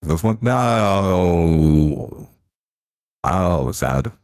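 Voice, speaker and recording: A man streaming a game through a deep pitch-shifting voice changer, chatting casually and reacting aloud to what happens on screen. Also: animated, very slow, darkish tone, no echo, studio quality. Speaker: live streamer. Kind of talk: casual gameplay commentary.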